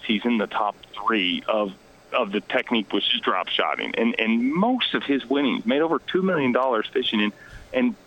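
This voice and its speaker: A man speaking as a guest on a radio interview, talking quietly and self-deprecatingly from outdoors by a lake. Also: mid-range voice, dull audio. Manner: hushed, quieter than usual. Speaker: guest, fishing show host. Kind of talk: casual radio interview chat.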